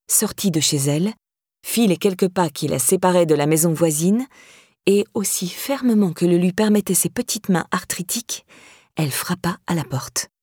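Woman, audiobook narration, husky voice, measured pace, dry close recording. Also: fairly low pitch, mellow, no echo. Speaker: audiobook reader.

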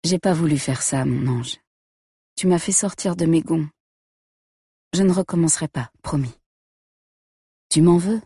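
A woman's voice: sits low, a little slow, long pauses, dark tone, husky, no room sound, clean studio sound, full character voice. A woman voicing an angry, controlling young man who talks coldly and accusingly, in a first-person story reading. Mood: coaxing. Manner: cold and accusing, shifting to coaxing.

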